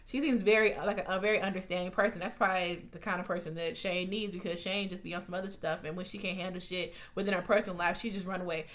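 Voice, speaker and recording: A woman's voice: fairly low pitch, fairly even intonation, quick pace, hardly any pauses, fairly bright tone. A woman giving a casual, rambling TV episode recap, swearing freely and airing blunt opinions. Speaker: TV show recap vlogger.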